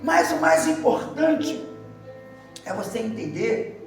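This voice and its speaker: A male deacon preaching a sermon in a church, telling a story with animated emphasis, shouted lines and laughter. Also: sits high, slow. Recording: echoey hall from far off with music.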